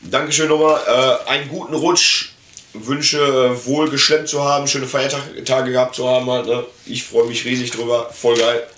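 Speaking at normal speed in a level, medium-pitched, somewhat bright voice, a German vlogger in his forties shows off collectibles in a casual unboxing chat, slangy and enthusiastic in tone. The setting is a small indoor room full of collectibles, and the echoey recording carries faint noise and clicks.

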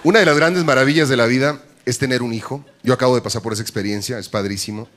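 A man with a Mexican accent doing a bawdy stand-up comedy routine on a live stage, jumping into shrill high voices for punchlines. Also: fast talker, a bit bright. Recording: live stage with audience crowd and noise.

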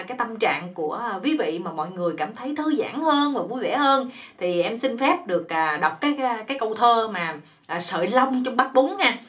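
A woman's voice: a little high, a bit bright. A woman, the host of her channel, telling a humorous folk poem in a chatty, exclamatory way. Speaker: channel host, joke teller.

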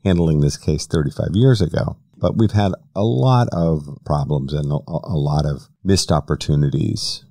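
A man's voice: rumbling low, normal speed, few pauses, mellow, no echo, clean studio sound. A man hosting a podcast, asking questions and giving long, careful explanations in casual interview talk. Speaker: podcast host.

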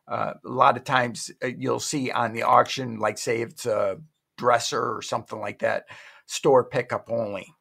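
Sitting at his home desk, a middle-aged online shopping vlogger gives a casual screen-share tour of an auction site, rambling, chatting and fixing his own slips. His voice sits at medium pitch with a level tone and moderate pace, creaky, husky, pushed and bright.

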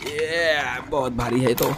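A man voicing a weary male toy garbage truck that complains in a low, heavy voice. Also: slow pace, background noise. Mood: complaining.

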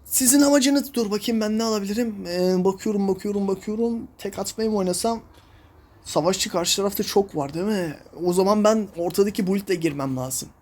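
A man's voice: high voice, brisk, darkish tone. A young man talks over his own mobile gameplay in a casual, running commentary. He keeps ranting in exasperation at his teammates, sighing and scolding as the match goes wrong. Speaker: mobile game streamer.

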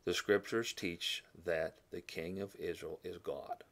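A man teaching a Bible lesson in a classroom style, thinking aloud with fillers, correcting himself and often clearing his throat. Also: deep voice, steady tone, measured pace, a bit bright.

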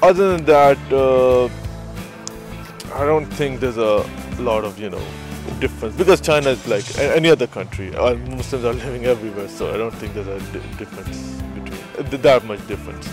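On a city street by some trees, a young male student answers street interview questions, hesitant and full of fillers and restarts, into a handheld shotgun mic held by the interviewer. His medium-pitched voice runs a little fast, with music in the background.

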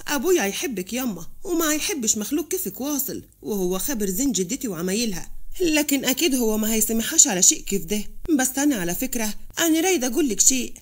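An earnest young Upper Egyptian man, a devoted son with a kind, reassuring way of talking, as a woman storyteller puts him on. The voice sits high and moves quickly. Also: lively intonation.

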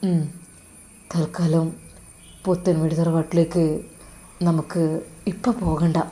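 A woman doing a soft-spoken remorseful husband. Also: level tone, takes it slowly. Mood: coaxing. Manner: soft, coaxing, low-voiced.

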